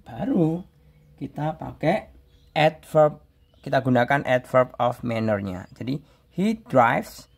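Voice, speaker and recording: A male teacher from Indonesia walks through a grammar lesson at an unhurried pace, his voice gravelly and a little husky. His pitch rises and falls with lively emphasis as he reads each example sentence slowly aloud. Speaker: English teacher. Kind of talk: classroom grammar explanation.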